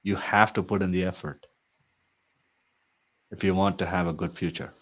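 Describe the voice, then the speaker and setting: A man's voice: deep voice, fairly even intonation, moderate pace. A man working as an IT consulting coach, talking earnestly and persuasively to viewers, often tagging sentences with "right?". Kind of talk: promotional talk to viewers.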